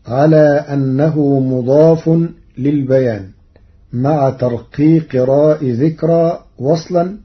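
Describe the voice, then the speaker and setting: A man from Egypt who is a recitation scholar gives a radio lesson on reading rules, explaining each point in a measured way and chanting short verse quotes. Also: medium pitch. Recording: dull lo-fi radio archive recording.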